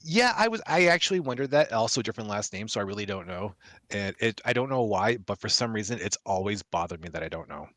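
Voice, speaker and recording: A man's voice: lowish voice, very animated, fast talker, a bit bright, dry recording, clean studio sound. A man co-hosting a live game stream, chatting casually, musing aloud and laughing often. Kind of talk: casual chat.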